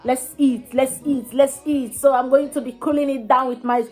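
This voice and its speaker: A woman with a Nigerian accent hosting a casual eating vlog, chatty, with drawn-out exclamations and hums as she eats. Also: high voice, fairly even intonation, soft background music. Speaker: mukbang host.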